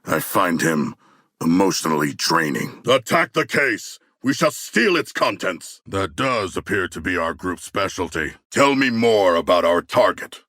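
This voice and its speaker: An actor playing a huge, earnest, literal-minded shark-man warrior in a video game, with a gravelly voice and formal, grandiose phrasing. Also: low voice, sing-song, a little slow, a bit bright, dry recording, clean studio sound, full character voice. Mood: battle-eager, urgent. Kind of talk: video game character voice lines.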